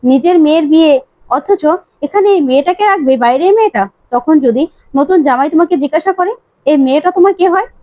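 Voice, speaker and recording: A woman voicing a sharp-tongued, meddling sister-in-law who needles the mother. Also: high voice, animated, fast, no room sound, muffled recording. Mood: needling. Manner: needling, scolding.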